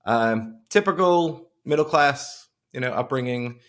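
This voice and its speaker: A man's voice: medium pitch, animated, a little slow, fairly bright tone. A man in his forties from Long Island, talking as a podcast guest over a video call, rambling with many fillers and restarts. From Long Island, New York. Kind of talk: casual interview chat.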